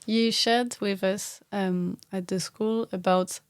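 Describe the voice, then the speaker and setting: A woman hosting a podcast, asking polite, gentle interview questions. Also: medium pitch, fairly even intonation, slow, smooth, no room sound. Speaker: podcast host.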